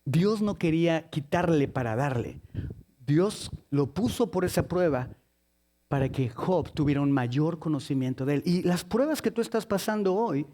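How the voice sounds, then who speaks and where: A man's voice: fairly high pitch, animated, moderate pace, warm tone. A man preaching a sermon, telling a story with jokes and acting out its characters in different voices.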